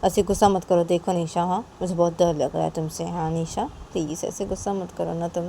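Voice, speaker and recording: A woman's voice: fairly low pitch, fairly even intonation, a little fast, creaky, dark tone, slight background noise. Woman doing a coaxing, pleading young friend.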